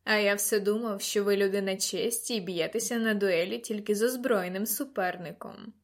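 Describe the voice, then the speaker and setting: A woman's voice: medium pitch, moderate pace, close to an everyday voice. A woman reading an audiobook and voicing a brave young man who speaks drily and wearily. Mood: dry weary. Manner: dry, tired, clipped.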